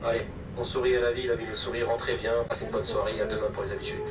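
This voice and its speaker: Fast-talking metro driver, man over distant train speakers. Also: lowish voice, little pitch movement, lo-fi sound, heavy background noise. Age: 30s. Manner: chatty, familiar, encouraging. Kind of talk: informal train announcement to passengers. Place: over a metro train's public-address system.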